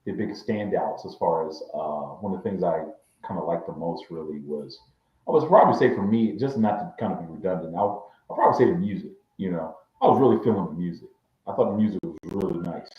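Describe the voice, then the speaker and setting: A man's voice: deep voice, animated, brisk. A man co-hosting a casual review podcast, rambling with many fillers and restarts, his voice echoing off the room through a backup mic. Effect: echoey room sound from a backup mic. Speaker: podcast co-host reviewing a series. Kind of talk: casual chat. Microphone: backup mic after his main mic failed. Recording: echoey, dull lo-fi backup mic.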